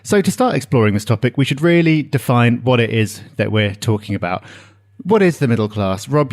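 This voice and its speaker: A man's voice: medium pitch, darkish tone. Man co-hosting a podcast. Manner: explanatory, citing figures with some filler ums. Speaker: podcast co-host. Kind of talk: casual podcast discussion.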